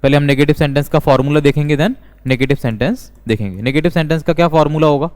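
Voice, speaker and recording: Male teacher, slightly high voice, smooth and clear, deliberate repetitive delivery, long reverb. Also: a little mellow. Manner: slow, deliberate, repeats each sentence. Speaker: English teacher. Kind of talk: classroom grammar lesson.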